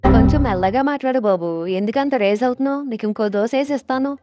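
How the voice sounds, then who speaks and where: A woman doing a fast, scolding cartoon aunty. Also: fairly high pitch, mellow, soft background music, lightly acted. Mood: pleading, annoyed. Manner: quick, scolding retorts. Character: sharp-tongued married woman, nurse and tiffin seller.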